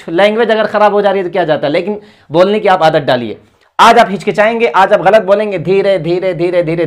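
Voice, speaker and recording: A high-pitched Indian man teaches English grammar out loud. He reads his example sentences slowly, gives a translation for each, and follows up with encouraging tips.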